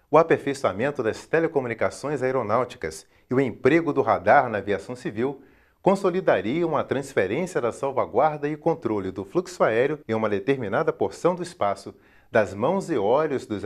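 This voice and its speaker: This mid-range male voice carries a Brazilian accent as it narrates a scripted educational documentary. Every word is clearly enunciated in a formal, measured style.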